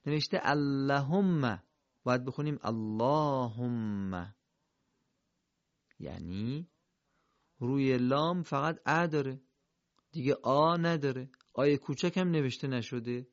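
A man teaching Quran recitation in a recorded lesson, explaining the rules step by step and modeling each pronunciation slowly. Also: mid-range voice, lively intonation, no echo. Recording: dull lo-fi recording.

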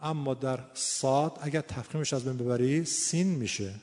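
A man's voice: mid-range voice, darkish tone. A male teacher giving a lesson on Quran recitation, explaining pronunciation and then demonstrating sounds by repeating and drawing out syllables. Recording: long reverb in a hall.

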